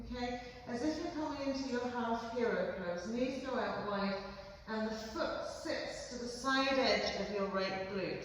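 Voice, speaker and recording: A woman leading a yoga class with gentle, steady cues, often checking in with a quick "okay?". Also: mid-range voice. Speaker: yoga instructor. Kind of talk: guided yoga class instruction. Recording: very echoey room, voice far from mic, faint background noise.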